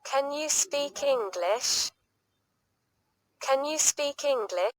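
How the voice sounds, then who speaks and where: A woman reading short everyday English sentences for beginners, saying each one twice, clearly and deliberately. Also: high-pitched, lively intonation, dry recording. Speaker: English teacher. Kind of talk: slow repeated phrase drills for learners.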